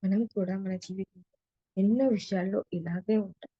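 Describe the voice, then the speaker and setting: A woman's voice: medium pitch, fairly even intonation, normal speed, slightly rough, no room sound, highs cut off. A woman teacher reads a story aloud, then retells and explains each passage in casual talk. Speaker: spiritual teacher.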